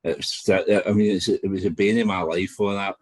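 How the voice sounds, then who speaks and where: A man hosting a podcast, asking questions in a relaxed, casual way. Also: deep voice, normal speed, no room sound. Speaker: podcast host.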